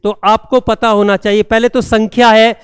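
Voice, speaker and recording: A man teaching a classroom grammar lesson, repeating each term slowly and checking that students have understood. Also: high voice, little pitch movement, clean tone, studio quality. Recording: long hall reverb.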